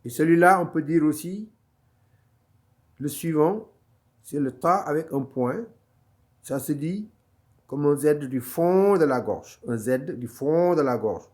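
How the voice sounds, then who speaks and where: A man's voice: a little high, slow, long pauses. A man teaching an online lesson, patient and encouraging, repeating each sound several times for his students. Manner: encouraging, gently reassuring. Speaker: Quran recitation teacher. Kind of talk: slow step-by-step online lesson.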